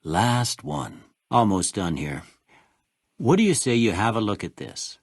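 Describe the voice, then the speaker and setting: A man voicing a kindly older frontier town doctor in a video game, with an American Southern accent, a husky weathered voice and a folksy, gently wry manner. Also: lowish voice, sing-song, a little slow, no echo, clean studio sound, exaggerated voice. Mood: kindly, matter-of-fact. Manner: folksy drawl, plain-spoken, gently wry. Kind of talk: scripted game dialogue, folksy and conversational.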